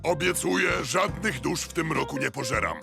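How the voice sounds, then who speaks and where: Booming, gravelly cartoon demon dad, grandiose, swinging pitch. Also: male voice, expressive, moderate pace, loud music behind the voice. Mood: gloating. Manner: mock-jovial, grandiose. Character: huge gloating male demon father. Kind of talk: cartoon dub acting.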